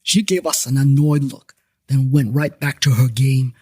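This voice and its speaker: A man's voice: mid-range voice, moderate pace, darkish tone, breathy edge, lightly acted. A man playing a wry first-person investigator who narrates the story with dry asides in an audio drama.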